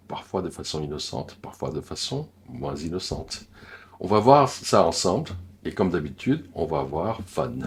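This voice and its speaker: A man's voice: low voice, a little mellow. A man from Korea with a Korean accent, giving a careful pronunciation lesson. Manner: slow, careful demonstrations with many pauses. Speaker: language teacher.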